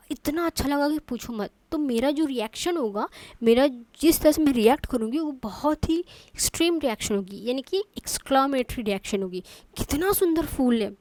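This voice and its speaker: A woman's voice: high voice, dark tone, no echo. A woman teaching an online English grammar lesson, explaining step by step and checking in with her students often.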